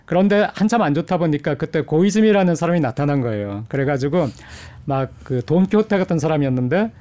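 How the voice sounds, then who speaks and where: A middle-aged man, an economics professor, gives measured interview answers with frequent hesitation fillers. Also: on the high side, lively intonation, dark tone. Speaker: economics professor, studio guest.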